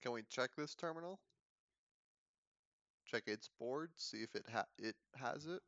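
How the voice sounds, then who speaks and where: A man playing in a tabletop game, asking questions in a gravelly voice. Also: medium pitch, expressive, a little slow, a bit bright, dry recording. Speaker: player. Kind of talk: casual game chat. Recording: dull, lo-fi mic.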